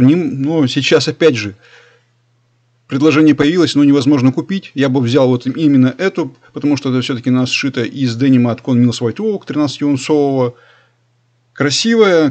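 A leather belt maker in his forties, who hosts a channel, voices over a screen recording as he scrolls a shop site, chatty and enthusiastic like a salesman and repeating his recommendations often. His voice is medium-pitched and darkish, and the recording sounds muffled.

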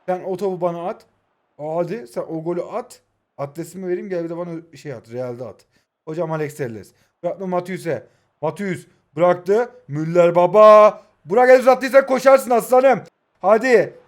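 A man in his twenties from Turkey talks over his own mobile football match as a gaming YouTuber. His voice sits high for a man, and he swings from loud shouts at his players to quiet, grumbling asides. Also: moderate pace. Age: 20s. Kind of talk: excitable live gameplay commentary.

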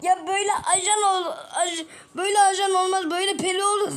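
Super high-voiced woman doing all the game characters, excitable, teasing, lots of yelling out. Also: quick pace. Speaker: gaming video creator. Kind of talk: voicing several characters in a game video.

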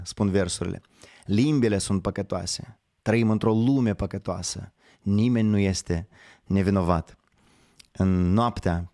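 Male live-stream host, low and hoarse, chatty and meandering, bone-dry close sound. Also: darkish tone, no room sound. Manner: rambling, conversational, self-correcting. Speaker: host of a live online show. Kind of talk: casual live-stream commentary.

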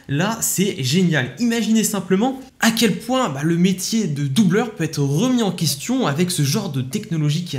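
A man with a slightly higher-than-usual voice talks through an app demo in a relaxed, chatty vlog manner. He walks the listener through each step, sprinkling his sentences with casual fillers. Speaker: tech YouTuber testing an AI app. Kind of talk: casual tutorial commentary.

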